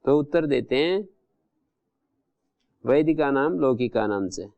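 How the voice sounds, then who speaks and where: A man's voice: mid-range voice, lively intonation, slow pace, creaky, dull audio. A man teaching a Sanskrit grammar lesson, methodically repeating and glossing each term. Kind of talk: classroom lecture explaining grammar rules.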